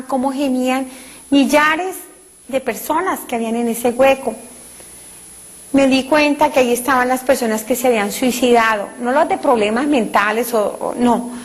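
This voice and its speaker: A woman's voice: high voice, low-quality recording. A woman giving a fervent spoken testimony in a TV studio, pleading and addressing her listeners as brothers. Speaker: testimony speaker.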